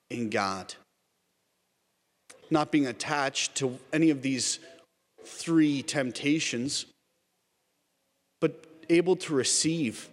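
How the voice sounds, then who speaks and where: A man preaching an earnest Lent sermon, calling his listeners "everyone" again and again. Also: mid-range voice. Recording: long reverb, as in a church.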